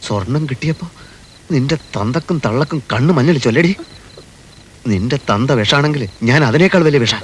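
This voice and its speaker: An actor playing a proud, vengeful young goldsmith in a comedy film, emphatic and threatening. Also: male voice, medium pitch, expressive, normal speed, a little hiss or hum, close to an everyday voice. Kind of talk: Malayalam comedy film acting.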